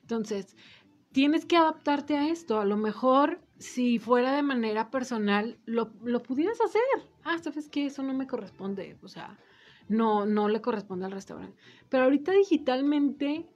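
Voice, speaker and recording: A woman is a guest on a talk show. Her voice is somewhat high. She explains things in a chatty way, and the recording sounds slightly dull. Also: expressive, normal speed. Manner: explanatory, conversational. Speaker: guest, social media adviser. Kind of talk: casual interview talk.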